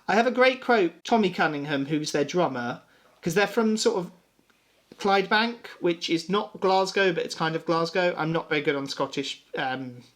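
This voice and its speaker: A man's voice: high-pitched, moderate pace, fairly bright tone. A man co-hosting a casual music chat, rambling and self-deprecating. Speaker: podcast co-host.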